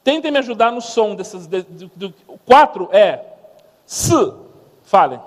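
High-voiced Brazilian man in a reverberant hall. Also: normal speed. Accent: Brazilian Portuguese. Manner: lively storyteller who mimics sounds. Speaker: missionary speaker. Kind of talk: humorous church testimony talk.

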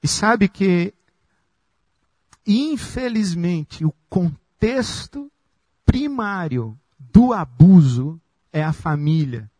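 A man preaching a sermon as pastor, slow and emphatic with long pauses. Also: high voice, sing-song, dark tone, husky, no echo.

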